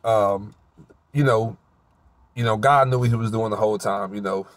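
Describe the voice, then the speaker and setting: Teary man giving halting testimony. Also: fairly low pitch, no room sound. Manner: halting, rambling, searching for words. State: teary, voice slightly mushy. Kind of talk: emotional spoken testimony to camera. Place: outdoors, park by the roadside.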